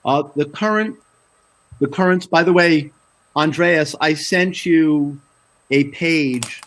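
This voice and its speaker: Slow, measured male analyst. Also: a little high, a bit bright, rough recording. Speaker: guest analyst. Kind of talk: panel commentary.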